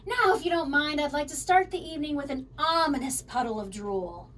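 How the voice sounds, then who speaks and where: A woman's voice: sits high, a little fast, fairly bright tone, distant mic, slight background noise, pitched above the performer's own voice. A woman voicing a proud male storybook monster, courteous and playfully menacing with a fondness for the child. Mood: fond, hungry. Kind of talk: children's storybook read-aloud.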